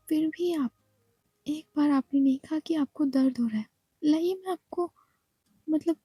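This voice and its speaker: A woman's voice: high voice, warm tone, dry recording. A woman whispering as a fawning young nurse. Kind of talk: whispered role-play.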